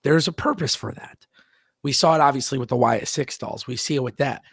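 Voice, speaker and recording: A wrestling show host runs a casual live-stream talk show, speaking emphatically, repeating words, and reading viewer messages aloud. His mid-range voice is a little fast, fairly bright, and slightly rough. The recording is clean studio sound with no echo.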